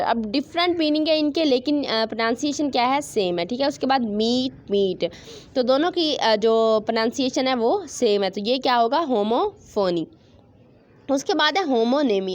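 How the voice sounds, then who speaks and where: A young woman with a fairly high voice gives a recorded lecture. She mixes Hindi and English, reading definitions slowly and deliberately before explaining them in quick, chatty bursts. She keeps checking in with her students.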